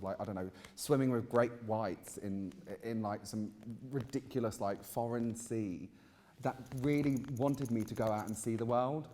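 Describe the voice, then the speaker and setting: Recorded live in an echoing hall, a drag queen gardener in his mid twenties, speaking British English, is a guest in an interview. He tells personal stories casually in a chatty, campy, gushing manner, and his voice is warm with a fairly low pitch.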